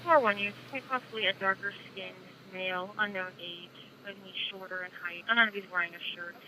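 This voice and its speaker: A woman's very bright, piercing voice comes over a police radio with faint noise. She dispatches units quickly in clipped, procedural phrases. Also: medium pitch, fairly even intonation. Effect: police radio transmission. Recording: noisy police scanner radio feed.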